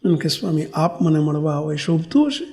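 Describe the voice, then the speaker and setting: A man's voice: on the high side, lively intonation, brisk, darkish tone. A man with a Gujarati accent who is a monk preacher, telling a story in a sermon and acting out the dialogue.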